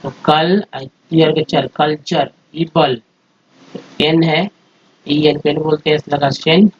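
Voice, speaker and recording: A man gives an English phonics lesson, breaking words into parts and then blending them. His voice is slightly raised and husky, and he speaks very slowly. The recording is dull and lo-fi. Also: fairly high pitch, fairly even intonation. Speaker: English teacher. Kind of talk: spoken phonics lesson over slides.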